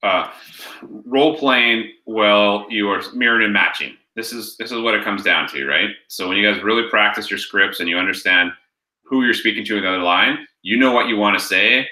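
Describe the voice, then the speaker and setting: Punchy low-voiced male sales coach. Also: brisk, echoey room, low-quality recording. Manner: energetic, punchy, keeps asking "right?". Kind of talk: coaching session on a group call.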